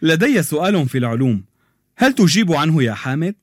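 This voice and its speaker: An actor playing an encouraging young quiz master in a children's radio drama. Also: male voice, a little high, quick pace, no room sound, clean studio sound. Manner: lively, encouraging questioner.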